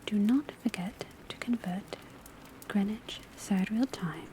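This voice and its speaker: In an ASMR roleplay, a woman plays a patient, studious teacher at a witch school, whispering softly and deliberately through her lecture. Her mid-range voice is a breathy whisper, lightly acted, with a calm, methodical mood and a measured, instructional manner. Behind her you can hear a crackling fireplace, rain on the roof, and a pencil writing.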